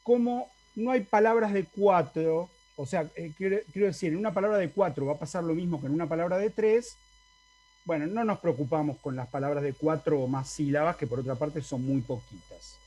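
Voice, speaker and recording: Giving an explanatory Latin lecture online by video call, a male university teacher with an Argentine Spanish accent speaks fairly quickly in a warm, fairly high voice, often checking that the class agrees.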